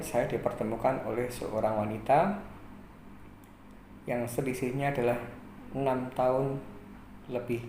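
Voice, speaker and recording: Man in his 40s, unhurried life-story narrator, pausing often, echoey room with faint hum behind. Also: medium pitch, mellow. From Indonesia. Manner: slow, measured, with frequent pauses. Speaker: channel host.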